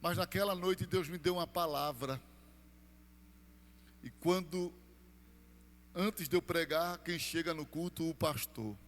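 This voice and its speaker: Brazilian pastor preaching a dramatic testimony. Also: male voice, a little high, a little slow, pauses often, in a large hall. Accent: Brazilian Portuguese. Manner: dramatic storytelling, voicing other people, rising to loud climaxes. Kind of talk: sermon testimony.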